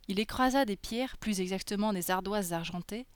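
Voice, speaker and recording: A woman reading a fairy tale aloud in a soft, gentle storytelling manner. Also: mid-range voice, moderate pace, clear, resonant tone, no room sound.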